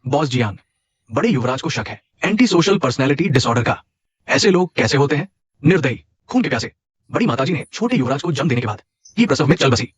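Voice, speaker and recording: A man's voice: mid-range voice, big pitch swings, quick pace, breathy edge, dry recording. A man voicing a loyal older aide who earnestly explains family matters. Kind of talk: Hindi drama dubbing.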